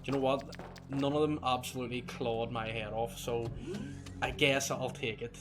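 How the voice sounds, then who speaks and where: A man streaming a video game, giving relaxed, chatty commentary with a mildly self-mocking tone. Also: mid-range voice, normal speed. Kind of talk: casual gameplay commentary. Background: game music.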